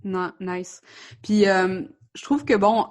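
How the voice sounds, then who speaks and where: A woman with a Québécois French accent, a podcast host asking relaxed questions and mixing in English words. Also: mid-range voice, slow pace. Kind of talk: casual interview chat.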